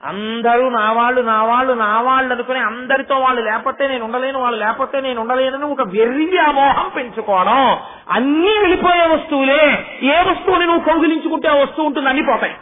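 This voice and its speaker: High-pitched man in a tinny discourse. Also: fairly quick. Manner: animated storytelling, rhetorical questions to the audience. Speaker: spiritual discourse speaker. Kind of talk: Telugu religious discourse. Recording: tinny phone-like sound.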